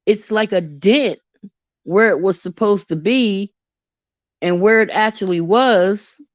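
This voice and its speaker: Slow-talking, chatty woman vlogger. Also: medium pitch, dry recording, highs cut off. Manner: chatty, candid and expressive. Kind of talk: casual personal vlog.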